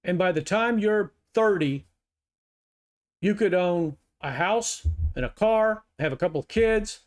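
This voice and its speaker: A middle-aged man hosts a reaction video with a notably high voice. He fires back at clips in a sarcastic, heated tone, mocking as he argues. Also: expressive, measured pace. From United States. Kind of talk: reaction commentary.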